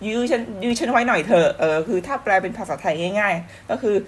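A woman teaching English words in a casual online lesson, chatty and patient, slowly repeating each phrase with many pauses. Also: mid-range voice, lively intonation, breathy edge.

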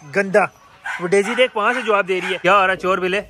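A man's voice: sits high, quick pace. A young man chats playfully as he films his pets at home. He scolds and coaxes the animals in a casual vlog style. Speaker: pet and bird vlogger. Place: home yard with pet cages. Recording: outdoor recording with loud birdsong.

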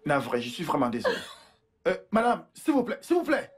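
A man dubbing a hospital doctor in a French film dub, formal and apologetic as he calms a woman down. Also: fairly high pitch, a little fast, soft background music. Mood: calming.

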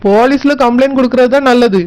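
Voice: high-pitched, quick pace, lightly acted, rough recording. A performer voicing a concerned male relative advising a young man, in a Tirunelveli accent. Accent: Tirunelveli Tamil. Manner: advising, calm.

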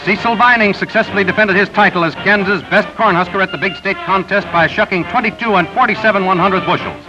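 High-voiced man narrating an old newsreel. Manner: brisk announcer delivery of results. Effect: old 1930s newsreel soundtrack. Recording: dull lo-fi 1930s newsreel with music. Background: music bed.

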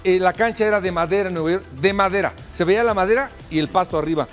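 A man's voice: sits high, fast talker, faint music behind. An older man with a Mexican accent, a soccer pundit arguing emphatically in a studio debate. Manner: emphatic, laughs while pleading.

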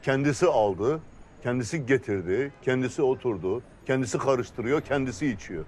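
A man's voice: medium pitch, animated, normal speed, a little mellow, close to an everyday voice. A man playing a sardonic senior militant comrade who drily humours his junior in comic dialogue. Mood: dry, sardonic.

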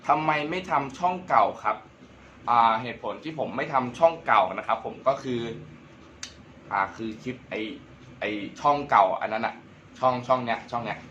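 A man's voice: medium pitch, normal speed, pushed and bright, dull audio, slight background noise. Joking young man vlogging casually. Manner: casual, joking, crude slang. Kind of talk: casual Q&A vlog.

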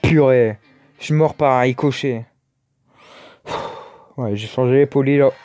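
A man's voice: medium pitch, a little slow, darkish tone, dry recording. A man giving casual, chatty commentary over his own gameplay, exclaiming and muttering to himself as he plays. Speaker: gaming YouTuber.

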